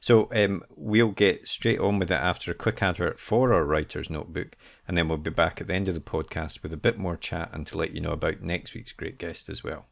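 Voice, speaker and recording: A man's voice: deep voice, fairly even intonation, a little fast, gravelly, few pauses. A man co-hosting a podcast, chatting casually with a loose, rambling delivery. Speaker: podcast co-host. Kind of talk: casual podcast intro chat.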